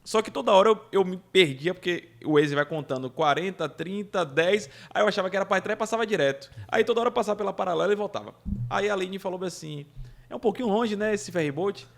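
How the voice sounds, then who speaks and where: A man as a podcast guest, telling lively anecdotes in casual chat and laughing through the funny parts. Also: high-pitched, fast talker, gravelly. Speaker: podcast guest, event producer.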